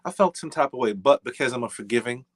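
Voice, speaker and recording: A middle-aged Jamaican jazz musician, a guest in a casual interview, talks in a mid-range, expressive voice at a quick pace. His Jamaican accent colors an easygoing, rambling style packed with fillers and restarts.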